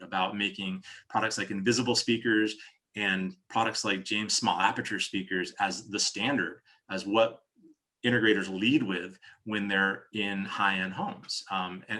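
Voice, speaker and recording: An American company executive from New Jersey explains products conversationally in an interview, frequently restarting his phrases. His voice sits low and comes across pushed and bright.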